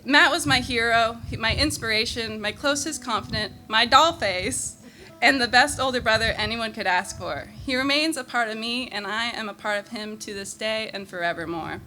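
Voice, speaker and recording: A woman's voice: on the high side, a little fast, hardly any pauses, sharp tone. A woman, a younger sister, giving a prepared memorial speech in a fond, humorous way. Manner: fond and humorous, laughing between lines.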